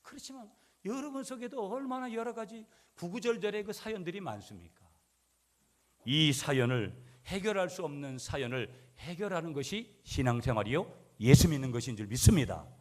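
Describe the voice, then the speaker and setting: Preaching his sermon at a moderate pace, this pastor's voice sits on the high side and is expressive. He moves between booming proclamations and hushed asides, prompting the congregation to answer back.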